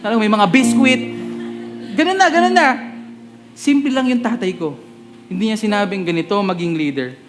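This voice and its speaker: High-voiced man preaching over guitar. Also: expressive, normal speed, long pauses. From Philippines. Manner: switches between Tagalog and English mid-sentence; chatty, jokes with the congregation. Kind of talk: sermon.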